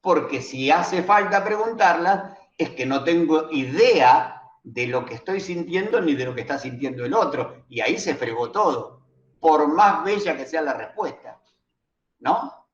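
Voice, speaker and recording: Male lecturer, unhurried, questions himself rhetorically; roomy, slightly dull recording. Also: fairly high pitch, animated. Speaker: teacher of a reading and writing course.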